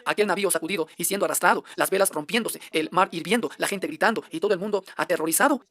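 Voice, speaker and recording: Fast, dry-voiced man preaching a sermon. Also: high voice, sharp tone, dry recording. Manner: emphatic, fires off rhetorical questions. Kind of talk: translated sermon.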